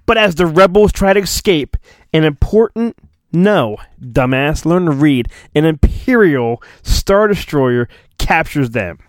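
A podcast host delivers a mock-dramatic storybook reading, theatrical and self-mocking, often breaking off to mutter asides. His voice is a little high and animated, a little slow, with no echo.

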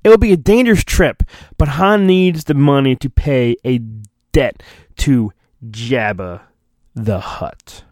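A podcast host with a mid-range, slightly mellow voice takes his time over a storybook reading. He performs it with mock drama, then interrupts himself with sarcastic, rambling asides, and there's no echo in the recording.

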